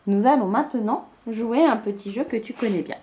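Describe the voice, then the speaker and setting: A woman's voice: fairly high pitch, dark tone, slight background noise. A woman teacher giving a spelling lesson to young children, spelling words out letter by letter. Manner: slow, clearly spelled out letter by letter.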